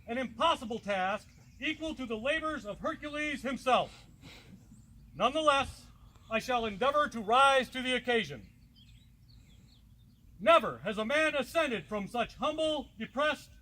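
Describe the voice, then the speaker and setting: A man's voice: very high-pitched, bright, forceful tone, poor audio. A man reading out a flowery formal ceremonial speech in a pompous, theatrical, grandiloquent manner. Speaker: proxy reading a letter.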